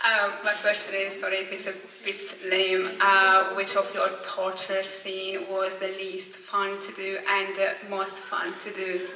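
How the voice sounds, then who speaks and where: Slow flat hesitant fan w german accent, bright voice, echoey crowded hall. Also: mid-range voice, recorded from a distance, slight background noise. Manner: hesitant, apologetic. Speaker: fan asking a question. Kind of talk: audience question.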